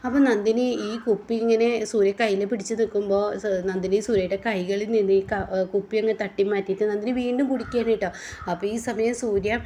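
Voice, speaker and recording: A woman's voice: mid-range voice, steady tone, fast talker, dark tone. A woman casually retelling a TV serial episode, chatty and addressing the listener. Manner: chatty, tags lines with 'you know'. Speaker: storyteller recapping a TV serial.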